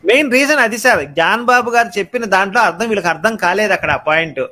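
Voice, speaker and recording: A man hosting a live online discussion, animated and quizzing his guests. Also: high-pitched, quick pace. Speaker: host of a live debate.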